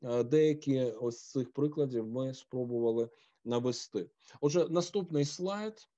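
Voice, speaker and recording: A man giving an online philosophy lecture, halting often with filler sounds. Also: medium pitch, dark tone. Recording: dull lo-fi audio.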